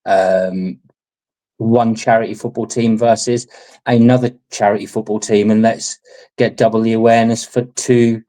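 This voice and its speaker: Male, dark mellow tone, fairly low, measured and diplomatic in casual chat. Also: flat delivery, poor audio.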